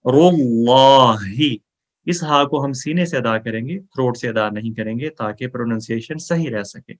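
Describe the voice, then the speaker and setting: A man teaching Quran memorization, explaining recitation rules and reciting verses slowly for students to repeat, with English words mixed into his talk. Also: mid-range voice, fairly bright tone. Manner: mixes English words into speech.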